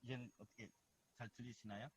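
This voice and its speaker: A man's voice: medium pitch, level tone, quick pace, husky. A man calling in over a bad phone connection, his voice very faint and distant, hesitantly checking whether anyone can hear him. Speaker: caller in a group phone call. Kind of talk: casual conversation. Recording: faint muffled phone line.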